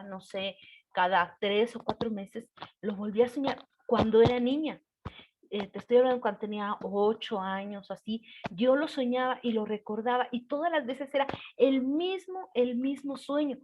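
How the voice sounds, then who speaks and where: A woman's voice: a little high, darkish tone, lo-fi sound, a little hiss or hum. Woman telling a strange dream, hesitant. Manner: hesitant, many fillers, gestures while telling. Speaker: storyteller. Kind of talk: casual spoken storytelling.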